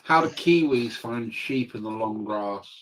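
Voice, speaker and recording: A man's voice: mid-range voice, measured pace, fairly bright tone, poor audio. Joking British man with a mixed accent. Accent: mixed British, Scottish, Northern and Southern English. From United Kingdom. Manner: joking storyteller, swears freely. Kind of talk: casual chat.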